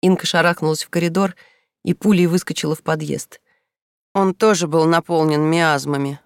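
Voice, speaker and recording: Woman, story narration, gravelly, dry close sound, matter-of-fact. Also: sits low, fairly even intonation, moderate pace, no echo. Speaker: audiobook reader. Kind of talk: scripted narration.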